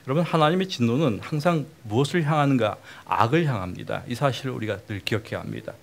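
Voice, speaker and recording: A man's voice: mid-range voice, fast talker, gravelly. A middle-aged male pastor giving a conversational sermon lecture, often putting questions to the congregation.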